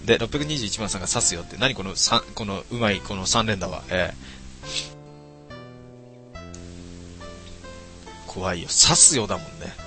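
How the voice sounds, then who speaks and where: A man casually streaming a game solo, reading viewer comments with wry, deadpan remarks and many drawn-out filler sounds. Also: fairly low pitch, over music.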